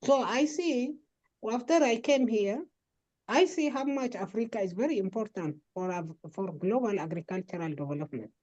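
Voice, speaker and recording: A woman's voice: medium pitch, lively intonation, normal speed, a little mellow, lo-fi sound. A woman researcher answering questions in an online webinar over a video call, hesitant and explanatory. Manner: hesitant, many fillers, explanatory. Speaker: researcher and plant breeder.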